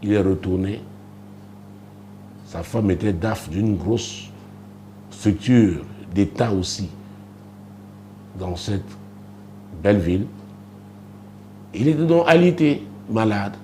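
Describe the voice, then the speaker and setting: A low, mellow male preacher from Cameroon tells a testimony on a broadcast show. He tells it as a story, rising dramatically and dropping into hushed asides. A faint hum runs behind his voice. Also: lively intonation, slow, pauses often. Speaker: apostle and preacher.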